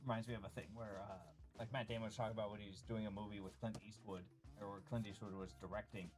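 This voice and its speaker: A man's voice: lowish voice, little pitch movement, fast. A man co-hosting a live card-opening stream, telling rambling stories full of fillers and quoted asides. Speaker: card break co-host. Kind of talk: casual chat while opening card packs. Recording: music playing behind.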